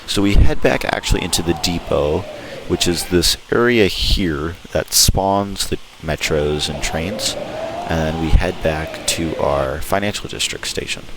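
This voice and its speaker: A man with a deep voice talks viewers through a game in a casual, informal way. He sounds enthusiastic as he explains things. There is audible noise in the recording behind him. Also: unhurried. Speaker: video host. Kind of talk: casual gameplay walkthrough commentary. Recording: clear background noise.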